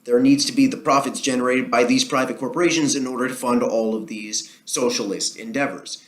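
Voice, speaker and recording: A man's voice: mid-range voice, fairly even intonation, fairly quick. A man with a New Jersey accent giving casual solo commentary, arguing his point in a rambling way with frequent ums and restarts. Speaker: political commentary vlogger.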